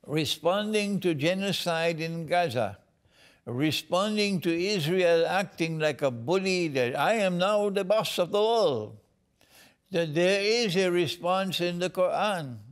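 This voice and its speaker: A man from Trinidad giving slow, emphatic interview answers, repeating phrases like a preacher. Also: sits high. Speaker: guest speaker.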